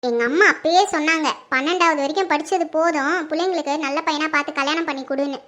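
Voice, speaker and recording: The mother in this home-made skit is middle-aged, suspicious and livid, scolding and accusing her daughter. The performer uses a high, bright, forceful voice at a quick clip, with fairly even intonation and an angry edge.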